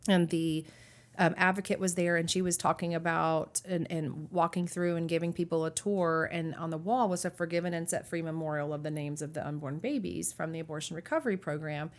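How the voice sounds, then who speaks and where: A woman with a fairly low voice tells her story as a guest in a faith interview. She speaks earnestly and haltingly, restarting her sentences often and leaning on fillers as she works through painful memories. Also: steady tone. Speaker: guest sharing her testimony.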